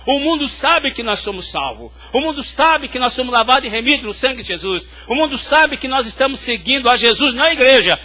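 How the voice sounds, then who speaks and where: The pastor here has a very high, sing-song voice, pushed and bright, and he moves briskly with few pauses. His sermon weaves in hospital stories while he addresses the congregation head-on.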